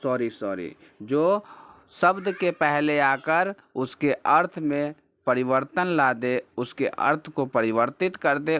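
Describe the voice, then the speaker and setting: A man's voice: on the high side, a bit bright. A man teaching a textbook lesson, patiently explaining, repeating key words and asking questions that he then answers himself. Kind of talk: slow classroom explanation of a textbook chapter.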